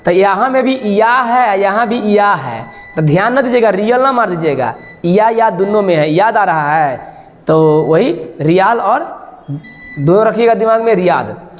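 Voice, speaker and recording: A man running an exam-prep lesson, joking through memory tricks and bursting into bits of song. His voice sits high for a man and stays playful, dwelling on each key word. The sound rings with a long reverb, as in a hard-walled classroom. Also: lively intonation. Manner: playful, sings snatches of songs and acts out little sketches; repeats key words slowly for memorising. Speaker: coaching teacher.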